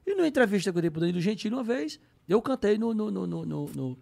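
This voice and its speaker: Gravelly man. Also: sits high, fast. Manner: animated, slangy, bursts into singing parodies. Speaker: podcast guest, comedian. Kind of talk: casual storytelling chat.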